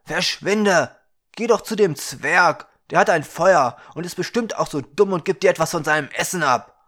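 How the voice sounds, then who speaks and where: A man's voice: a little high, a little slow, voice pushed up. Field: a man voicing a rude young woodcutter. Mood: shouting. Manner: loud, scolding, shouting. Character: rude selfish young woodcutter, quick to anger.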